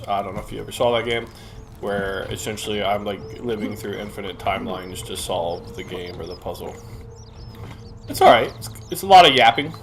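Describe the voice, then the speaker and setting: A man's voice: fairly low pitch, fairly bright tone. A young man streaming a game, talking casually with lots of fillers and swearing. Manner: rambling, profane, many fillers. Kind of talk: casual live-stream commentary. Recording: stream audio with game music. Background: game music.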